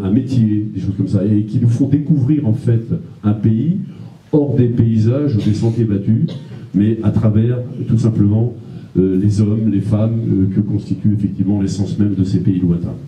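A middle-aged man, a mayor, giving a formal welcome speech on a handheld mic in a small gallery, pausing often with "euh". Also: fairly low pitch, warm tone. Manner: halting, many "euh" pauses. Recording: echoey room.

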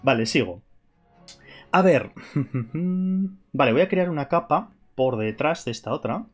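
A man's voice: mid-range voice, expressive, moderate pace, soft background music. A man with a Spain Spanish accent hosts a live painting tutorial, chatting casually and joking at his own expense while he paints. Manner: playful, joking and self-mocking.

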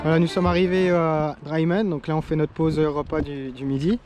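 A man's voice: a little high, flat delivery, fairly quick, over loud music. A man in his thirties from France, narrating a hiking vlog in a chatty way with frequent hesitations. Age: 30s. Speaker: trek vlogger and filmmaker.

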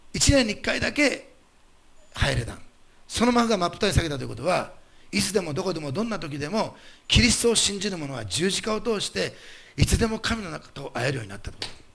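A male pastor delivering a sermon, emphatic and animated, putting rhetorical questions to the congregation. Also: fairly high pitch, gravelly.

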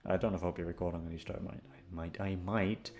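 A young male audio roleplay voice actor talks fast in a low, darkish voice with fairly even intonation while music plays. He rambles casually and hesitantly to his listeners, sweary and self-deprecating.

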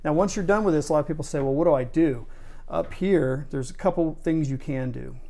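A man explaining video editing step by step in a relaxed, conversational way. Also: on the high side, a little fast, vocal fry. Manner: relaxed, conversational, talks through each step. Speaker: video tutorial maker. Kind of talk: casual screen-recorded tutorial.

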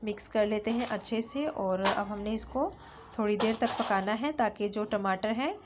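With a mid-range voice at normal speed, a female channel host talks viewers through a recipe step by step in her home kitchen. She's friendly and instructive, using small fillers, over background noise.

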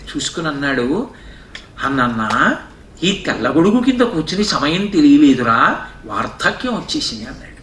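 High, bright-voiced man giving a spiritual discourse. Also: slight background noise. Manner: emphatic, rhetorical questions, chants classical verses slowly. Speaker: religious discourse speaker. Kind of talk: spiritual discourse with chanted verses. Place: hall. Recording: echoey hall, mic from a distance.

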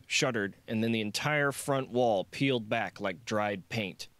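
A fairly bright tone colors this man's low-set voice as he narrates a thriller novel for an audiobook. The storyteller's scripted reading is captured close-up and dry, without any room sound.

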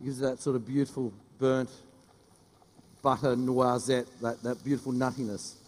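A middle-aged man, a chef giving a brisk, joking live cooking demonstration on a studio stage. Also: medium pitch, flat delivery, in a large hall. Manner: brisk, joking, teases the audience. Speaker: chef doing a cooking demo. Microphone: headset mic.

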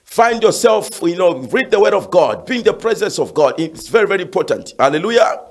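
A man's voice: high voice, big pitch swings, a little fast. A man preaching fervently and praying with callers on a phone-in, with frequent "uh" fillers. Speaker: pastor. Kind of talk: shouted sermon and prayer phone-in.

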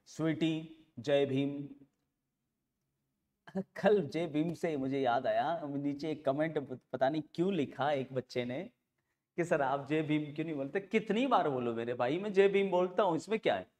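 Wearing a clip-on lapel mic, a man in his forties teaches history to exam students at a green board in a studio classroom indoors. His sore-throated voice sits on the high side and sounds a little mellow. His lecture is deliberate, with key phrases repeated and asides to students.

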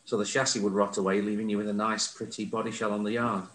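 A man's voice: lowish voice, level tone, quick pace, a bit bright, reverberant, low-quality recording. A man chatting casually on a video call, with dry humor. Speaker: panel member. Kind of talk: casual chat.

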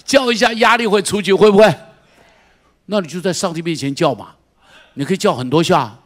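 Animated middle-aged male pastor preaching. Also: high voice, a little fast. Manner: animated, swings from quiet storytelling to shouted exhortation; asks the congregation repeated direct questions. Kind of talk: sermon.

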